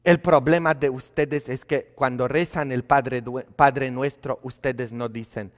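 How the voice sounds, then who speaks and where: Priest guy preaching slow n chatty, keeps asking the people questions, big echoey church. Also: mid-range voice, level tone. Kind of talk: sermon. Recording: long hall reverb of a church.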